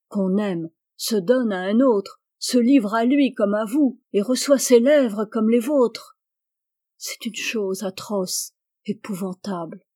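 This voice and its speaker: A woman's voice: medium pitch, mellow, dry recording, studio quality. A woman reading a jealous, raging husband. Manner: intense, obsessive, flares into vehement outbursts. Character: jealous, tormented husband raging over his wife. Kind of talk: dramatic audiobook reading.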